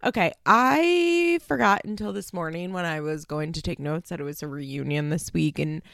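A podcast host with a fairly low, fairly bright voice and vocal fry chats casually at a normal pace, sounding stuffed up and congested. She talks loosely, peppering her speech with "like" and the occasional casual swear. The studio-quality recording has no room sound.

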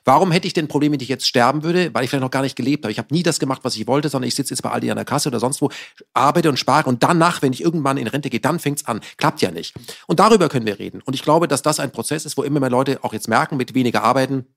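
A man's voice: medium pitch, racing, creaky, fairly bright tone. A man musing reflectively as a podcast guest, in a preaching way. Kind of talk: casual podcast chat.

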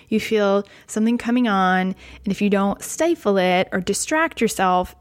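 A woman of middle pitch teaches a step-by-step method for handling emotions. Her delivery is calm and conversational, loosened by casual asides as she explains each step. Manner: conversational, calm, frequent "you know" asides. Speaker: teacher explaining a coping technique. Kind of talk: explanatory talk to camera.

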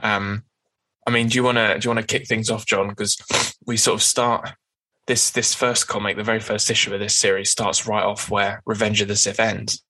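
A man's voice: fairly low pitch, level tone, normal speed, bright, forceful tone, low-quality recording. A man co-hosting a podcast, chatting casually about comics with frequent fillers. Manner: chatty, with many fillers and hedges. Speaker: podcast co-host.

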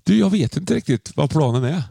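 A man in a casual podcast chat, teasing and wry, trading quick lines with his co-host. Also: a little high, animated, vocal fry, warm tone, dry recording.

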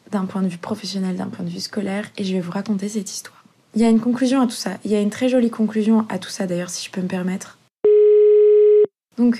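A woman's voice: medium pitch, warm tone. A young woman hosting her solo podcast, chatting in a rambling, self-mocking way with casual swearing and English slang, recorded in bed on a phone dictaphone propped on a laundry basket. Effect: recorded on a phone's dictaphone app. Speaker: podcast host. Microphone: phone lying on a laundry basket.

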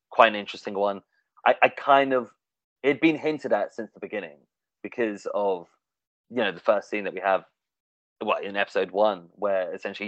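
A man's voice: on the low side, no echo. A man talking casually in a discussion, hesitant, with many fillers and restarts. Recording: dull, dry, lo-fi sound.

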